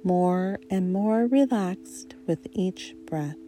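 A woman guiding a relaxation meditation in a soft, soothing, hypnotist-like voice, leaving long pauses between short phrases. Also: lowish voice, soft background music. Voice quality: soft, mellow. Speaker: guided meditation narrator.

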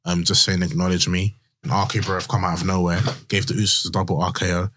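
Low-voiced London man, slangy chat. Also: level tone, quick pace, fairly bright tone. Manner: slangy, repeats points for emphasis. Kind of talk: casual chat.

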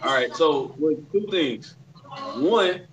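A man on a podcast, laying out his jokes deadpan and point by point. His voice sits a little high. A faint hiss of room noise stays under him. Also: takes it slowly, roomy sound, recorded from a distance, highs cut off. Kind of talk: casual banter.

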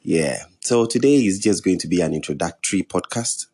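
A young man with a West African accent, hosting a podcast alone in a measured, earnest way. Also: deep voice, animated, darkish tone, breathy edge. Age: young adult. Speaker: podcast host. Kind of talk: introductory solo podcast talk.

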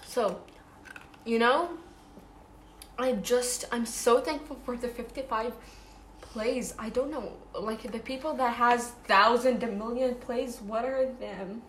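A woman's voice: a little high, fairly even intonation, slow, fairly bright tone, reverberant, slight background noise. A young woman chatting casually on her vlog while eating, full of fillers and restarts. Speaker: vlogger.

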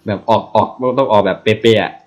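Guy with a bit of a low voice explaining stuff in a relaxed chat, sounds out words bit by bit. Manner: playful, sounds out syllables slowly.

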